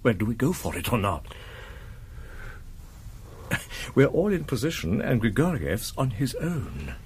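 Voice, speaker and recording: An actor playing a brisk, eager intelligence field operative, urgent and informal, in a screen drama. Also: male voice, mid-range voice, very animated, a little mellow, slight background noise. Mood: urgent, pressing.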